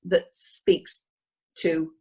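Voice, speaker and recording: An equestrian painter speaks hesitantly in a video call interview, pausing often and restarting her sentences. Her voice is dark-toned and slightly hoarse, and the recording is low quality.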